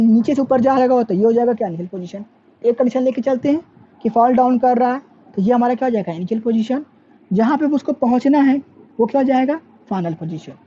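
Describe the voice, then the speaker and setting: Her mellow, slightly high voice carries a classroom physics lesson in which she asks herself questions, answers them, and slips English terms into her speech. The audio is dull and lo-fi, with a faint background noise.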